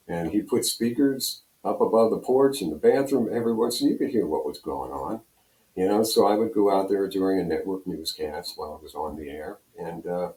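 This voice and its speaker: An older Pennsylvania radio program director and on-air personality, speaking as an interview guest, drifts through casual reminiscences and anecdotes. His voice sits low with a dark tone, heard in a roomy, echoing room.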